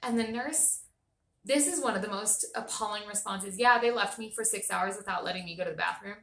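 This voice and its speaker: Young mom vlogger, earnest and indignant storytelling, some vocal fry, roomy recording. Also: female voice, mid-range voice, a little fast, fairly bright tone. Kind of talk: emotional birth story.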